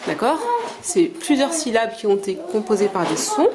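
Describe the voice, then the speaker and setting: A woman's voice: a little high, sing-song, moderate pace, very noisy. A mother teaching her children at home and explaining the method to the camera in a hesitant, casual way full of filler sounds. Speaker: homeschooling mother.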